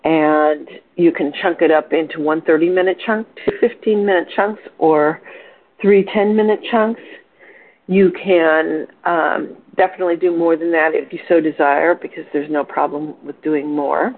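A woman's voice: sits low, fairly even intonation, moderate pace. An older woman hosting a wellness support call, talking in a cheerful, chatty way with fillers and self-corrections. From Portland, Oregon. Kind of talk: informal coaching talk on a conference call. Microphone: telephone. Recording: phone-line conference call.

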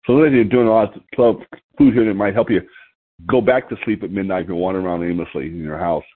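A man's voice: sits low, fairly even intonation, fast talker. A middle-aged man reading out a list of snack tips and adding chuckling personal asides. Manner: reads items then adds chuckling personal asides. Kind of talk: casual talk, reading a list aloud with asides. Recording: tinny phone-like recording.

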